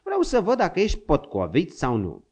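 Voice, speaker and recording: A man doing a gruff old frontier hunter. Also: a little high, wildly swooping pitch, darkish tone, voice pushed up, full character voice. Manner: grumbling, scolding, coaxing.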